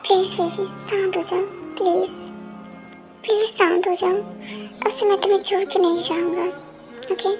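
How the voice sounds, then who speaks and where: A woman's voice: extremely high pitch, level tone, normal speed, long pauses. A woman voicing a young man who keeps pleading and soothing his angry girlfriend in a fan audio drama. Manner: pleading, soothing, repeats please. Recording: music playing behind.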